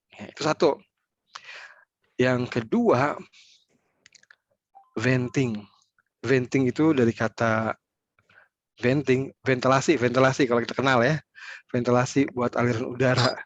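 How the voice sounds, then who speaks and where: A man's voice: mid-range voice, no room sound, muffled recording. A man giving an online training talk, explaining step by step and repeating key points for emphasis.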